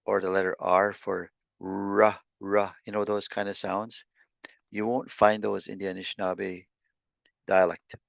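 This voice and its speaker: A man teaching an online language lesson over a video call, sounding out syllables slowly with many halting restarts. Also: lowish voice, little pitch movement, vocal fry, dry recording.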